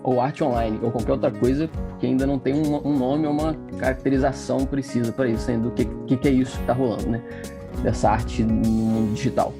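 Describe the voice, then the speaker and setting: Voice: medium pitch, steady tone, a little fast. A person explaining a project in an informal interview style. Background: guitar music.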